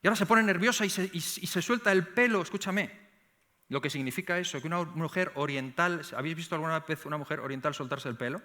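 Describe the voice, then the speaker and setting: A middle-aged man preaching with a Spain Spanish accent. His voice is very bright and sits fairly high for a man. He delivers the sermon in animated bursts, repeating words and building to emphatic peaks. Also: quick pace. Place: church sanctuary.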